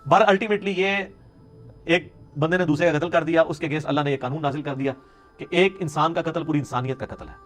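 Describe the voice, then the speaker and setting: A man's voice: a little high, fairly bright tone, faint music behind. A man from Pakistan, an Islamic scholar, giving a conversational religious lecture with sarcastic asides. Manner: explanatory, conversational with sarcastic asides and Punjabi interjections.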